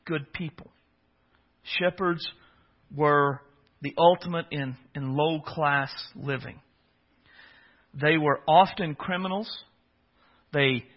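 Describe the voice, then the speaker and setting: A man preaching a sermon as a pastor, earnest and emphatic, with small restarts as he talks. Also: a little high. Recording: dull lo-fi audio.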